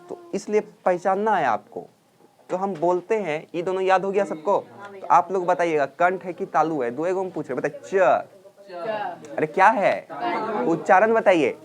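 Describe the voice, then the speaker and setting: A man teaching a grammar class, drilling students loudly and scolding them. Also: high voice. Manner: loud scolding drill teacher, calls and answers.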